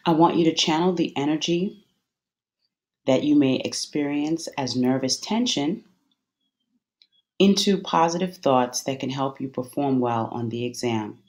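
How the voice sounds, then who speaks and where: Soothing and instructional, a medium-pitched meditation guide leads a guided visualization. Measured phrases are separated by deliberate pauses.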